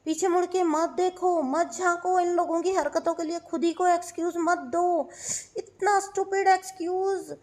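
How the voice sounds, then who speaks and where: A woman with a high, light voice delivers a spiritual advice monologue. She is insistent and repeats herself for emphasis, with English phrases mixed into her talk. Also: level tone, moderate pace, hardly any pauses, darkish tone. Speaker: spiritual channel host.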